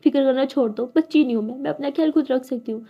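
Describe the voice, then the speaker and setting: A woman's voice: sits high, very fast, gravelly. A woman voicing a hurt, defiant teenage schoolgirl who answers back sulkily. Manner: defiant, sulky. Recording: dull lo-fi recording.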